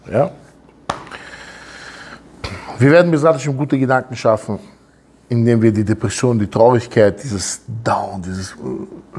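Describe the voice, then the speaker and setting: A man delivers a religious lecture with a husky edge to his voice and a very lively, swooping pitch. He asks his listeners question after question and scatters Hebrew terms through the talk. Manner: animated, asks many questions, swings pitch up and down; mixes Hebrew terms into speech. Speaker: Torah teacher.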